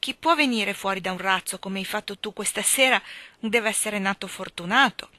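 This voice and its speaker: A woman reading aloud, voicing an eager, hopeful young boy in an excited, pleading way. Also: mid-range voice, normal speed, no room sound, natural voice.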